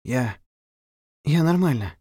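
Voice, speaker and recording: A man's voice: a little high, lively intonation, takes it slowly, darkish tone, no room sound, studio quality, voice pushed up. A man voicing rattled, blurting companions of the hero in a dramatic audiobook. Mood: shaken.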